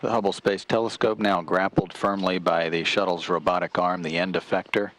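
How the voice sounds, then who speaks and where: Deep, even-toned male mission commentator. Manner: measured, halting with frequent hesitations. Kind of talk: unscripted technical commentary.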